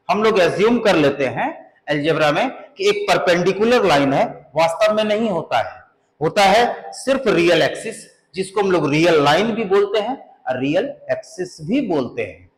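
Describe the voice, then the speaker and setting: High-voiced man teaching maths in an echoey room. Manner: explains step by step, asks the class rhetorical questions. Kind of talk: classroom maths lesson.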